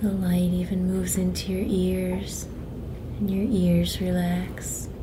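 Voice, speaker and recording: A woman guiding a relaxation meditation in a soft, breathy, soothing near-whisper, with long pauses between phrases. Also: lowish voice, little pitch movement. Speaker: guided meditation guide. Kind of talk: guided relaxation meditation narration. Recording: clearly noisy, ambient sound behind.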